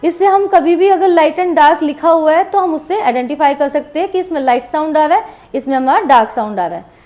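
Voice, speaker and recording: High-voiced woman teaching shorthand slowly. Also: a little mellow. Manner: slow, patient, repeats words while writing examples. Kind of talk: classroom lesson explaining shorthand strokes.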